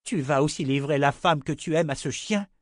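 This is a proud, indignant young woman in a spoken fantasy novel, voiced by a man reading it aloud. Her voice sits well above his own and comes out in sharp, accusing bursts. The read is dry and close, with no room around it. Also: on the high side, normal speed, dry recording, voice pushed up, lightly acted. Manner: outraged, accusing.

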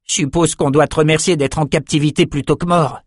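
Brief: young fighter, excitable and crude, pitched high, played by a male reader. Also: fairly quick, dry recording, clean studio sound, natural voice. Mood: excited.

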